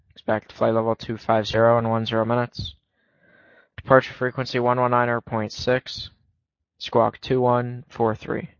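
A man working as an air traffic controller, issuing clearances in clipped radio phraseology. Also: medium pitch, no room sound. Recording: dull lo-fi radio audio.

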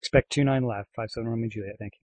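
A man speaking as a pilot, reading back clearances and making calls in aviation phraseology. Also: mid-range voice, steady tone, rapid-fire, a little mellow, dry recording. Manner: frequent throat clearing. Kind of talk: aviation radio readbacks.

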